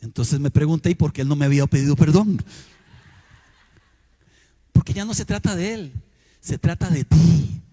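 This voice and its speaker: A middle-aged man preaching a sermon, telling personal stories and swinging between loud exclamations and hushed asides. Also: fairly high pitch, fairly even intonation, normal speed, pauses often. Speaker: pastor.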